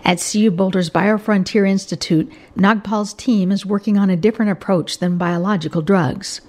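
A woman's voice: mid-range voice, fairly even intonation, moderate pace, a little mellow. A woman with an American accent reading scripted narration as a science radio host and reporter.

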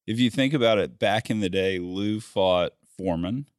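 Older guy hosting a podcast, low clear voice, tells stories, laughs a lot. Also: normal speed, no room sound, clean studio sound. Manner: folksy, chatty storyteller who laughs easily. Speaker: podcast host. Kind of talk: casual podcast chat.

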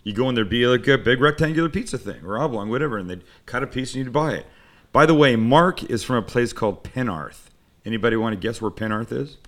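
A middle-aged man hosts a podcast, chatting casually in a rambling way full of jokes and teasing. His voice is mid-range and fairly bright in tone, and he sounds animated, talking at a quick pace.

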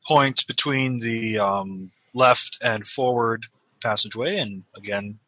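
A man's voice: mid-range voice, slow, pushed and bright, dry recording, poor audio. A man playing a tabletop game, hesitantly describing his character's gestures with many fillers. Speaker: player. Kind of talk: casual tabletop play.

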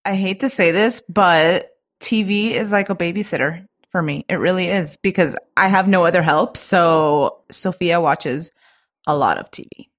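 A young adult woman co-hosting a podcast in casual chat, animated and quick to laugh, swearing casually. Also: on the low side. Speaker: podcast co-host.

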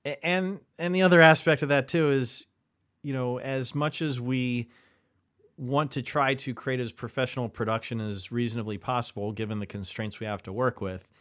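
A man co-hosting a podcast about community theater, a director who talks in a measured, thoughtful way with dry, wry humor. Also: mid-range voice, steady tone, fairly bright tone. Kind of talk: casual chat.

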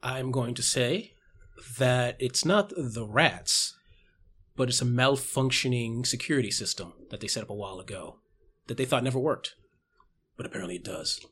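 A man's voice: mid-range voice, moderate pace, a bit bright, slightly rough. A man playing a tabletop game, casually narrating what his character does.

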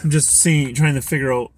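A man's voice: medium pitch, fairly even intonation, moderate pace, slight background noise. A man hosting his own podcast, chatting casually and thinking aloud with lots of fillers while driving his car. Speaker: podcast host. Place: inside a car.

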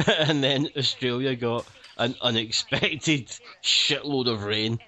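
A man's voice: mid-range voice, slow pace, bright, forceful tone, muffled recording. A man from Glasgow with a Glaswegian accent, co-hosting a casual film commentary in a jokey, sweary way. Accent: Glaswegian Scottish. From Glasgow, Scotland.

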